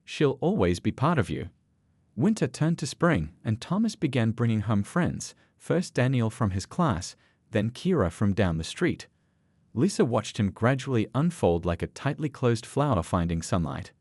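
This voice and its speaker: A man narrating a scripted story in a measured, expressive way. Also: medium pitch, slightly rough, dry recording.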